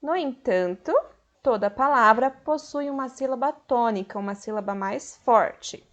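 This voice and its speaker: A woman teacher with a Brazilian Portuguese accent, giving a recorded school lesson slowly and clearly, stretching the stressed syllables of her example words. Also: on the high side, a bit bright. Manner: slow, clear, patient explaining to children.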